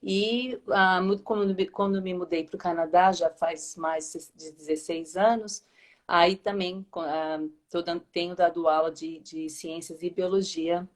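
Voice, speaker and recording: A woman's voice: lowish voice, fairly even intonation, unhurried. A Brazilian woman in her fifties, a teacher being interviewed, speaking hesitantly with many fillers. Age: 50s. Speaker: guest, teacher. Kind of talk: live interview.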